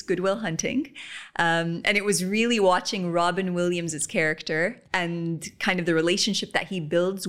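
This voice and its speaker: Lower-voiced woman hosting a podcast. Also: fairly bright tone. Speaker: podcast host. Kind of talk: casual interview podcast.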